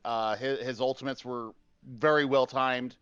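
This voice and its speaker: A man's voice: medium pitch, fairly even intonation, measured pace, fairly bright tone, clear, resonant tone, no room sound, lo-fi sound. A man casting an esports match, enthusiastic and openly emotional, talking casually about the teams. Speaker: esports caster. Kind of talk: esports post-match commentary.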